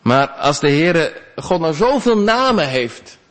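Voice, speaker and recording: Man preaching a sermon, conversational, lively rises and drops in pitch. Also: slow. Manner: conversational, animated preaching with wide swings in pitch. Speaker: pastor.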